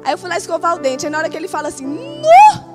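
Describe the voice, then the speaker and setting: A young woman preaching at a youth service, telling a lively, laughing story in a dramatic way. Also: high voice, very fast. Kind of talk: storytelling sermon. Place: church hall, live service. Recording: live sermon with background music.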